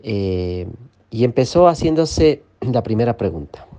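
A man calmly guiding listeners through an exercise on feelings, often checking in with them. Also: medium pitch, measured pace. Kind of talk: guided emotional-awareness teaching.

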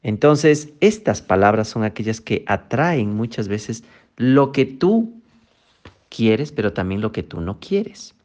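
A man's voice: fairly low pitch, sing-song, takes it slowly, a little mellow. A man giving a motivational talk. He speaks emphatically, posing rhetorical questions and then answering them.

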